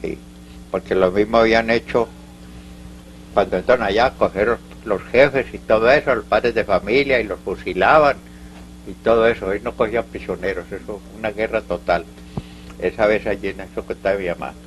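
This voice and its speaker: A man's voice: lowish voice, faint music behind, rough recording. An older man from Colombia with a Paisa accent, telling local stories in an oral history interview. He rambles, halts and restarts as he goes. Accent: Colombian Paisa Spanish. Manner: rambling, halting, full of restarts and asides.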